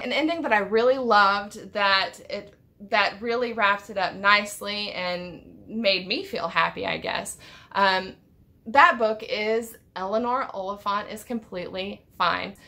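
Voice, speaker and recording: Woman in her thirties, bright voice, rambling, self-correcting, home vlog. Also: mid-range voice, unhurried. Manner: thoughtful, rambling, restarts often. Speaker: book vlogger. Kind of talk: unscripted book tag vlog. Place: home room with packed bookshelves.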